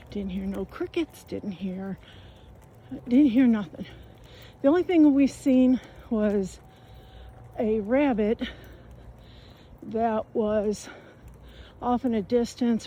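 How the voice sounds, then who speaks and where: A woman's voice: on the high side, dull audio, a little hiss or hum. A woman telling a camping story while walking outdoors, out of breath, rambling and colloquial with lots of fillers. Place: outdoors on a riverside trail.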